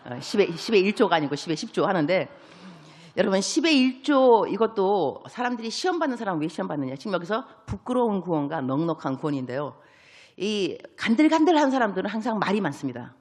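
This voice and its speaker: Animated woman preaching in a reverberant church. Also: mid-range voice, fairly quick. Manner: lively storytelling, acting out biblical dialogue; sprinkles English words into speech. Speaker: missionary preacher. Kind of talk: evangelistic sermon. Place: large church sanctuary. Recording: long reverb of a church hall.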